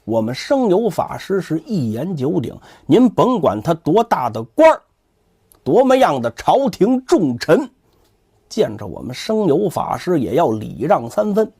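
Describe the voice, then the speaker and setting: A man's voice: a little high, sing-song, unhurried, vocal fry, warm tone, slightly rough, dry recording, studio quality, exaggerated voice. A man voicing a smug young temple monk who boasts, sneers and threatens in a condescending way. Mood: haughty, menacing.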